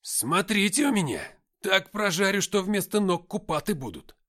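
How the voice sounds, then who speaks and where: A man's voice: high-pitched, sing-song, normal speed, a bit bright, pitched above the performer's own voice, heavily acted. A man voicing a boastful young man who wields fire. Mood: cocky.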